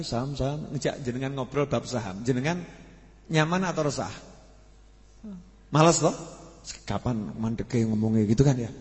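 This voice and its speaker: A man's voice: mid-range voice, darkish tone, long reverb tail. A man preaching a sermon to a gathering, talking casually and asking the audience questions. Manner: conversational, asks the audience questions. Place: mosque study gathering.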